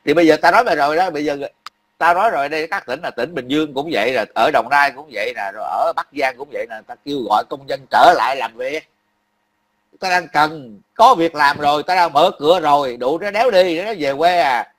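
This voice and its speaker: A man's voice: a little high, fairly quick, fairly bright tone. A man, ranting angrily and profanely about politics on a livestream, repeating himself and grumbling that he is worn out. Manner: angry, profane, repetitive ranting. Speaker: livestream commentator. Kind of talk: heated political rant.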